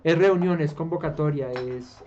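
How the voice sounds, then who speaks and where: A man's voice: normal speed, a crowd in the background. A man from Colombia with a Colombian Spanish accent, teaching a small group Bible study in a conversational way and often checking in with the listeners. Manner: hesitant restarts while explaining. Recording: dull low-fi room recording with faint hiss.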